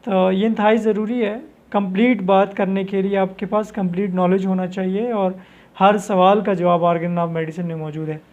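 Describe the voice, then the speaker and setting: A man teaching homeopathy, explaining at length with restarts and slowing down to read passages aloud. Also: sits high, fairly even intonation, darkish tone, dull audio. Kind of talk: lecture.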